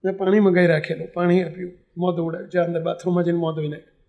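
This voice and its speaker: Male monk preaching, high voice, emotional storytelling, intimate, slow emphatic pauses. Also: flat delivery, narrow, tinny audio. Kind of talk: devotional sermon storytelling.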